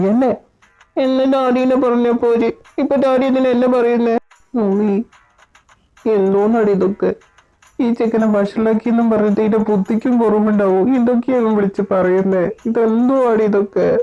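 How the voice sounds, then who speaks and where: A woman's voice: on the high side, steady tone, moderate pace, dark tone, close to an everyday voice. A woman voicing a stern, short-tempered father who scolds and threatens in an amateur audio drama, recorded with a dull, lo-fi sound and faint background music. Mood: scolding.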